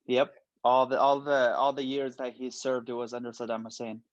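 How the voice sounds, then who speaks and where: In a casual interview, a late-20s bodybuilder born in Iraq speaks at a normal speed with a medium-pitched voice. His delivery is relaxed and full of ums and likes. There's no room sound, and the audio comes across dull and dry.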